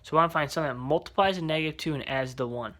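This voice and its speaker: A man's voice: fairly high pitch, rapid-fire, fairly bright tone. A man teaching an algebra lesson, explaining step by step and checking in with rhetorical questions. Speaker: math teacher.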